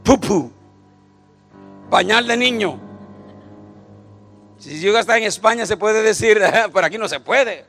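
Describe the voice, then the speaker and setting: A man's voice: high voice, moderate pace, pauses often, bright, forceful tone, faint music behind. A man, preaching a joking sermon to a church congregation and often calling out to them for agreement. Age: 50s. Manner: joking, calls out to the audience with repeated "right?".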